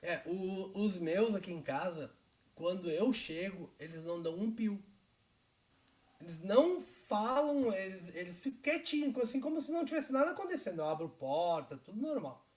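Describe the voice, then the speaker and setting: A man's voice: sits high, lively intonation, normal speed, darkish tone. A man from Brazil hosting a live stream, chatting casually and explaining things step by step.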